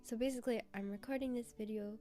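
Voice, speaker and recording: A woman's voice: fairly high pitch, fairly even intonation, fast, mellow, faint music behind. A woman in her twenties with a Scottish accent, sick with a cold, talking casually to viewers in a sit-down vlog. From Scotland. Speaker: vlogger.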